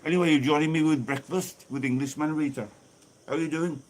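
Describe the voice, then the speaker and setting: An English vlogger hosts a live stream outdoors, holding his phone in front of him with a church visible behind. Bubbly and casual, he reads viewer comments aloud. His voice is a little high and steady, fairly quick, with a bit of hiss or hum.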